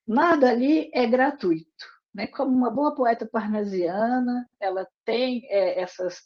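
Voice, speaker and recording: A woman teaching a literature class online, explaining step by step and often adding quick tag questions. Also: medium pitch, dark tone. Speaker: literature lecturer. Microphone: wireless earbuds on a video call. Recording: dull lo-fi online call audio.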